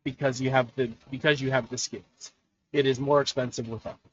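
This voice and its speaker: A man running a tabletop game as game master, talking in a relaxed, conversational way with frequent restarts. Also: mid-range voice, brisk, lo-fi sound. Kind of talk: narrating a tabletop game over voice chat.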